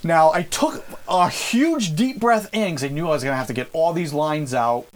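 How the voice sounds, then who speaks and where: Animated, swearing woman telling stories. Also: low-pitched, normal speed, slight background noise. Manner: animated, profane storytelling. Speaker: podcast co-host. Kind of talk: casual podcast chat.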